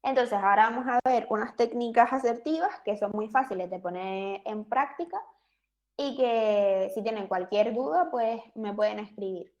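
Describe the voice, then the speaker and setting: A woman's voice: a little high, normal speed, a little mellow, dull audio. A woman presenting an online psychology workshop, explaining in a conversational way with fillers and small restarts.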